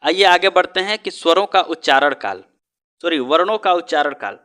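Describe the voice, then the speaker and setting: Male teacher, high and bright, asks a question and answers it himself, keeps checking in with the class. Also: expressive, normal speed. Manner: stretches out the sounds he teaches. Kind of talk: exam-prep lesson.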